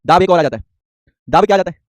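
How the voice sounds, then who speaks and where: A young man teaching an online chemistry class, rapidly repeating points and firing quick questions at students. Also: high voice, lively intonation, no echo.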